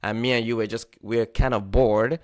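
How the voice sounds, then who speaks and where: A man's voice: mid-range voice, fairly even intonation, a little fast, darkish tone, no echo, studio quality. A man in his thirties hosting a podcast, casual and full of "like". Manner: casual, lots of "like" and restarts. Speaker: podcast host. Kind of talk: casual chat.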